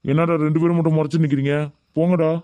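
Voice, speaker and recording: A man voicing a strict middle-aged college lecturer in an animated cartoon, scolding students and demanding answers. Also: fairly high pitch, rapid-fire, smooth, dry recording, close to an everyday voice. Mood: stern.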